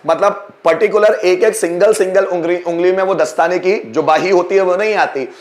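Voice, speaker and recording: A man teaching English vocabulary who explains slowly, repeats each word and asks and answers his own questions. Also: high voice, echoey room. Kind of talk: vocabulary lesson.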